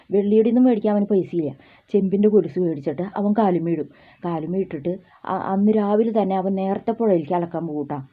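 Fast-telling woman, tinny. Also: medium pitch. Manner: homely, repetitive, with many fillers and restarts. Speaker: storyteller. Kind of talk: oral folk-tale telling. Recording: tinny phone-like sound.

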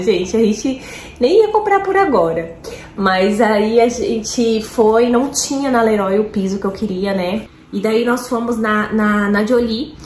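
Brazilian woman vlogging at home, excited chatty talk, echoey room w faint hiss. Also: fairly high pitch. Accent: Brazilian Portuguese. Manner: chatty and excited, many fillers, addresses viewers as "gente". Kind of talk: casual chat. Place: at home, roomy indoor space.

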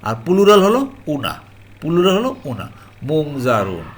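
A man with a Bangladeshi Bengali accent teaches Arabic grammar from the Quran. His voice sits somewhat high, and he explains each word patiently with many pauses and repetitions. He checks often that viewers have understood. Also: sing-song, slight background noise. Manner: slow, repetitive explanation with frequent "ji" and "alhamdulillah"; addresses viewers as "priyo mohtaram" and checks understanding. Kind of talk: online grammar lesson.

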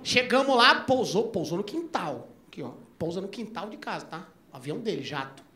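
A man doing stand-up, telling a long story and acting out both sides of the dialogue, his voice jumping up into near-shouts at the punchlines. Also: high-pitched, very animated, brisk. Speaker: stand-up comedian. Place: comedy club stage before a live audience. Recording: echoey club with crowd noise and laughter.

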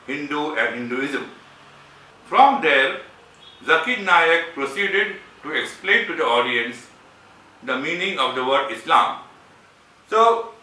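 A man giving scripted analytical commentary in a measured, explanatory way, leaning hard on key words. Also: medium pitch, bright, forceful tone, recorded from a distance. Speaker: video essayist reviewing a debate. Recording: roomy sound from away from the mic.

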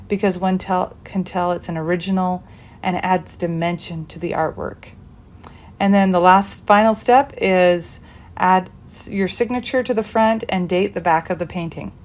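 A woman giving an upbeat, chatty painting tutorial voice-over, encouraging her viewers. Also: on the low side. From United States. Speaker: art teacher. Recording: echoey room.

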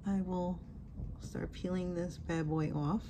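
A woman's voice: on the low side, steady tone, slow pace, noisy background. A middle-aged woman vlogging a casual product review, thinking aloud as she talks through a sheet mask. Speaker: beauty vlogger.

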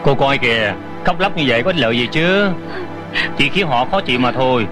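A man's voice: mid-range voice, lively intonation, fairly quick, lightly acted. A voice actor dubbing a teasing but caring young man who banters with and coaxes a friend, over a music score. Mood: coaxing. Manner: bantering and coaxing. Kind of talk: Vietnamese dub of a Hong Kong TV drama.

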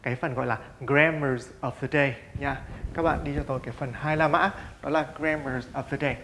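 A Vietnamese-speaking man gives a classroom-style English lesson in a mid-range, steady, slightly bright voice, talking a little fast over a little hiss or hum. He keeps asking rhetorical questions, answers them himself, and drills pronunciation by repeating words.

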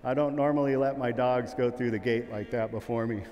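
With a steady, medium-pitched and slightly mellow voice, a middle-aged man talks a little fast as he jokes through a live sheepdog training demonstration and calls commands to his dog. The large indoor arena echoes with long reverb, and the recording has its highs cut off plus a little hiss or hum.

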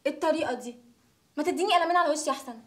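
A woman's voice: high voice, rapid-fire, natural voice. A young actress with an Egyptian accent playing a rebellious college student who defiantly argues with her family in a TV drama. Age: young adult. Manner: defiant, shouting back. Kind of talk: TV drama dialogue.

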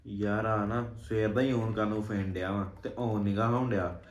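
A man's voice: lowish voice, fairly even intonation, moderate pace, reverberant, lightly acted. A man acting an annoyed man grumbling about a broken device.

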